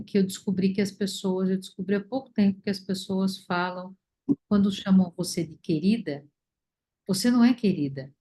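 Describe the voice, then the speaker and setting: A woman leading a study group, talking reflectively with many pauses and fillers over a video call. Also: medium pitch, mellow. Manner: thoughtful, many fillers and restarts.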